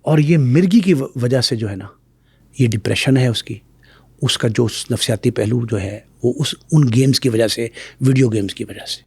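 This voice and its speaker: A middle-aged man speaking as a guest on a talk show, telling stories in a lively way and acting out the voices he quotes. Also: mid-range voice, slightly rough, dry recording. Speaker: guest expert. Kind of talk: animated talk-show storytelling.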